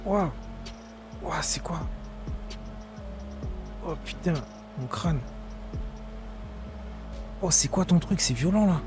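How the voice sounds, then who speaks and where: A man's voice: a little high, drawn-out words, long pauses. A man improvising an injured, dazed crash victim in an online game role-play, moaning and swearing in pain. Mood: dazed, nauseous. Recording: loud music behind the voice.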